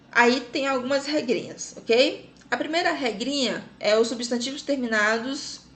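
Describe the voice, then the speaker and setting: A woman's voice: on the high side, fairly bright tone, slight background noise. A Brazilian woman teaching grammar rules, explaining patiently and checking in with "ok?" after each point. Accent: Brazilian Portuguese.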